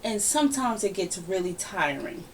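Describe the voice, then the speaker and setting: A woman hosting a casual podcast, giving her opinions in a lively, ranting, conversational way. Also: medium pitch, normal speed. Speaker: podcast host. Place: home room, relaxed podcast setting. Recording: somewhat distant mic with faint background noise.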